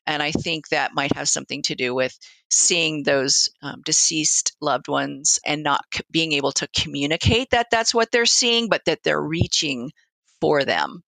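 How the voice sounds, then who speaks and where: Woman, bright tone, dry close sound, hospice nurse, reflective conversational storytelling, quoted exchanges. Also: low-pitched, animated, a little slow, creaky, dry recording, low-quality recording. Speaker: hospice nurse, interview guest.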